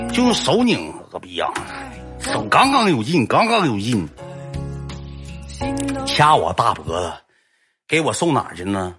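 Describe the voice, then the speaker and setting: A man with a Northeastern Chinese accent telling a comic story in an animated way, full of coarse slang and sound effects. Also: medium pitch.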